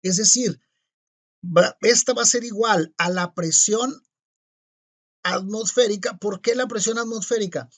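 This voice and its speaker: A man teaching physics, working through exercises step by step and spelling out each calculation. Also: high-pitched. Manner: deliberate, spells out each calculation and checks itself.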